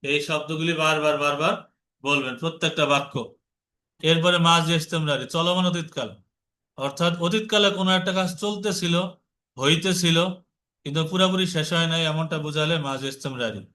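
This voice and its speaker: A man's voice: a little high, fairly quick, pushed and bright. A man teaching Urdu grammar from slides, explaining in Bengali and patiently repeating drill phrases. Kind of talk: slide-based grammar lesson.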